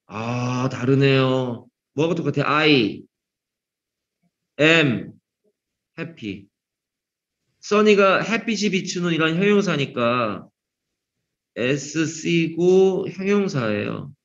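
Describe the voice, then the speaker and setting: A man with a fairly high voice teaches an English grammar class in a classroom, calling on students by name and slipping in teasing jokes. The sound is dull and lo-fi. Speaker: English teacher at a cram school.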